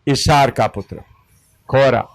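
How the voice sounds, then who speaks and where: A man teaching a Bible study, slowly giving verse references, pausing as he writes and correcting himself. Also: mid-range voice, creaky. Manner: deliberate, pauses while writing, self-correcting.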